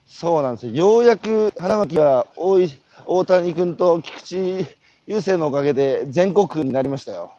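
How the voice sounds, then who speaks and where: This lo-fi, echo-free clip features a male host from Iwate, Japan, strolling outside while conducting an interview. His Tohoku Japanese accent carries a fairly high voice at normal speed, and he spins lively tales punctuated by rhetorical questions.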